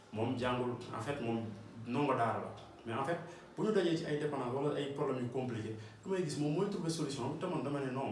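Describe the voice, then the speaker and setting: An electrician who hosts his own channel gives an earnest motivational talk, speaking with a Senegalese accent and repeating his points for emphasis. His voice is medium-pitched, with a little hiss or hum. A distant mic picks up roomy echo and faint ambience.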